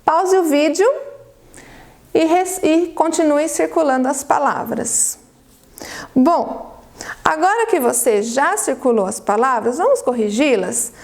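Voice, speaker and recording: A Brazilian Portuguese woman teaching a primary school class on video, dictating words slowly and cheering the children on. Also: sits high, expressive, a little mellow. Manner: slow, drawn-out word dictation with encouraging prompts. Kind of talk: recorded video lesson for children.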